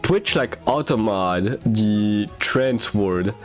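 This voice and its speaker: Male streamer, playful and very lively in pitch, faint music under him. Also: slow. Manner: playful, swings into silly put-on voices, laughs often. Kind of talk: casual livestream chat while playing.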